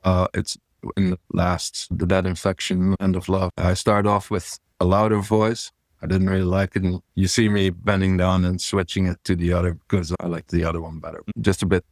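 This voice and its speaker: A man guest in a casual interview, talking through his vocal gear in a relaxed, rambling way. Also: sits low, normal speed, no room sound, studio quality.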